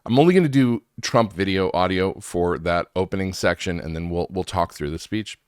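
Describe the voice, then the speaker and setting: A man's voice: low voice, normal speed, clean tone, no room sound, studio quality. A man hosting a talk show with informal, conversational political commentary, slightly wheezy and congested from allergies.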